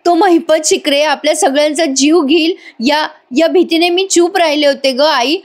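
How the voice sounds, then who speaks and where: A woman's voice: fairly even intonation, moderate pace, a bit bright, close to an everyday voice. A woman voicing a scheming young daughter-in-law who begs her family in a tearful, stammering voice. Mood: sobbing. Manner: sobbing, begging, high and stammering.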